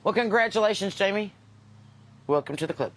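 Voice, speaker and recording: Southern lady just chatting on a live, regular pitch, kinda folksy and unfiltered, cracking wise. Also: expressive, fairly quick. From Kentucky. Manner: folksy, unpolished, wisecracking. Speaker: host and singer chatting with live viewers. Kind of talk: casual livestream chat.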